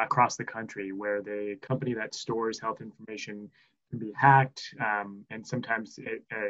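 Male panelist, lowish voice, muffled call audio, hesitant. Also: bright, forceful tone. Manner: hesitant, repeats words. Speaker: health tech expert panelist. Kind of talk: panel discussion over video call. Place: small room indoors. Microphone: video call. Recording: dull lo-fi audio.

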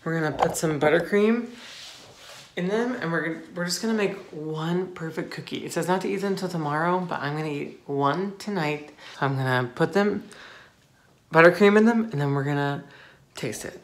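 A man in his twenties chatting casually and excitably to camera as he bakes, giggly and gushing. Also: a little high, fairly quick. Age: 20s. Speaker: host of a home baking vlog. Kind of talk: casual chat to camera while baking. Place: home kitchen. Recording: echoey kitchen, clicks and background noise.

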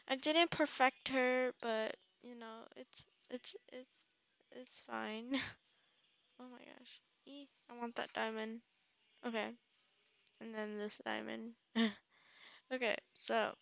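A woman's voice: a little high, vocal fry, dry recording. Sleepy, giggly young woman gaming vlogger. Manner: chatty, giggly, easily excited. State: tired, just woke up. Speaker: gaming channel host. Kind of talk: casual gameplay commentary.

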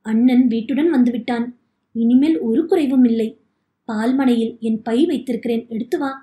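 A woman's voice: a little high, normal speed, natural voice. A woman reading the part of a forgiving elderly uncle who consoles and counsels his nephew, in an audiobook. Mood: consoling. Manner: earnest, gently consoling. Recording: echoey room.

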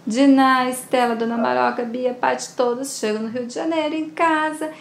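A woman's voice: high voice, steady tone, normal speed, creaky, slight background noise. A woman narrating a soap opera recap, retelling the scenes and reading all the dialogue herself. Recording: echoey room with faint ambience.

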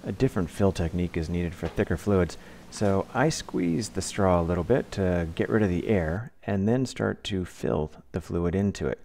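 Man, deep low voice, DIY tutorial voice-over, relaxed and practical, close mic, faint background noise. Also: normal speed, gravelly, hardly any pauses. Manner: relaxed, practical, plain-spoken. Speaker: DIY channel host.

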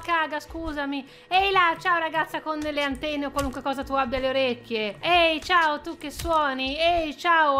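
A woman's voice: on the high side, pushed and bright. A woman giving casual gameplay commentary, playfully teasing and taunting the characters on screen, with sudden squealing outbursts. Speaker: gaming video creator.

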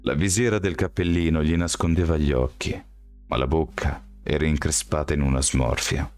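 A male audiobook reader with a strikingly deep, low voice. He narrates in a steady, even storytelling way. The recording is dry and close, with no room sound. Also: normal speed, dry recording, faint music behind.

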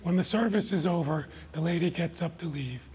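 A man reading his short stories aloud at a live event, in an even, deliberate storytelling manner. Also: a little high, a little hiss or hum. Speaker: author. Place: live reading before an audience.

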